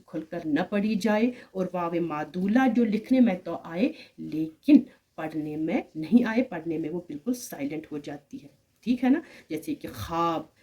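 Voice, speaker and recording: A woman's voice: fairly low pitch, warm tone. A woman teaching an online grammar lesson, explaining step by step, repeating example words and checking "right?" as she goes.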